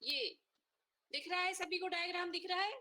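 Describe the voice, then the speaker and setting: A woman's voice: very high voice, fairly even intonation, normal speed, pushed and bright, low-quality recording. An Indian woman teaching an online veterinary anatomy class, mixing Hindi and English and often checking in with her students. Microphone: online class audio.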